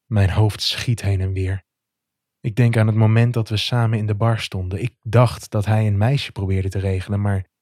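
A man narrating a romantic first-person story in a soft, intimate, measured way. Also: lowish voice, dry recording, studio quality.

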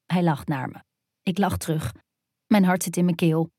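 Woman, erotic story narrator, first person, intimate, hushed, lowish voice, dry close recording. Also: normal speed, breathy edge, dry recording.

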